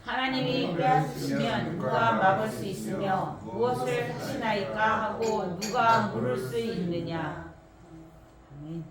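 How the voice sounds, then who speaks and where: Woman with congregation reading scripture slowly. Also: a little high. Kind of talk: slow unison scripture reading. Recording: echoey hall, distant, crowd.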